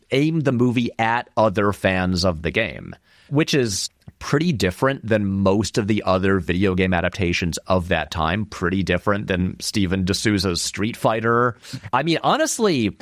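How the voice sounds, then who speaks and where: With a fairly low, expressive voice and an unhurried pace, this man talks about films conversationally as an interview guest. He's a filmmaker and video essayist who rambles as he thinks and stresses key words. The studio-quality recording has no room sound.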